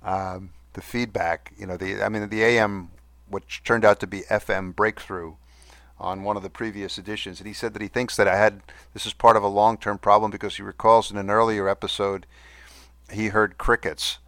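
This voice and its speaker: A man hosting a podcast in a casual, halting, good-humoured monologue, with a whistle on his S sounds. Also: fairly low pitch, level tone, fairly bright tone, no echo. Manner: halting, with good-humoured self-deprecating asides. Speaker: podcast host. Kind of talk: casual monologue reading listener mail.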